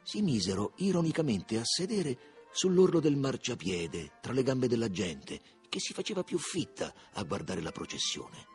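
A man narrating a literary audiobook in a measured, expressive reading. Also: medium pitch, faint music behind. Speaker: audiobook reader.

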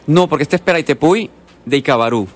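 A Colombian artist, guest on a radio interview, tells long, rambling stories full of asides into a studio microphone. His voice is fairly high, animated, and a little fast.

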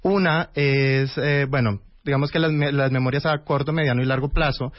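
A man explaining hearing loss as a guest expert on a radio show, calm and clear. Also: mid-range voice, moderate pace, no room sound. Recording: dry muffled radio sound.

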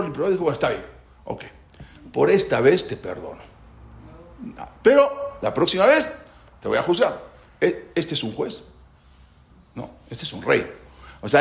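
A man teaching a religious class, talking in an animated way and asking rhetorical questions. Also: fairly high pitch. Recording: roomy echo.

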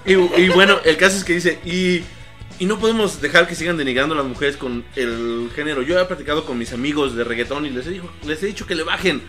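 A man's voice: on the high side, fast talker, pushed and bright, soft background music. A young man with a Mexican accent, co-hosting a casual podcast, slangy and enthusiastic as he tells stories. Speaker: podcast co-host. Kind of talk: casual chat.

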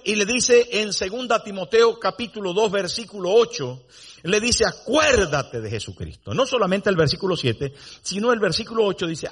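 Emphatic high-voiced man preaching. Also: a bit bright, breathy edge. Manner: dramatic storytelling, rising to emphatic declarations. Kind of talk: sermon.

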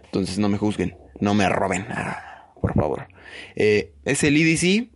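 A man's voice: lowish voice, big pitch swings, measured pace. A man with a Mexican Spanish accent in a profane, rambling, mocking comedic monologue.

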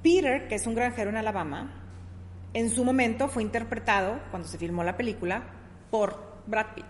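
A middle-aged woman talks her listener through a lesson in a warm, conversational teaching style, stopping often to check that she is understood. Her voice sits a little high. The recording has a long reverb tail and a faint hum of room ambience behind it. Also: moderate pace. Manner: explains with examples, asks "¿sí?" often.

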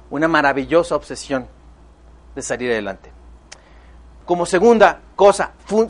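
A man with a Mexican accent giving an emphatic motivational seminar talk, addressing the audience directly. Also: high voice. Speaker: motivational speaker.

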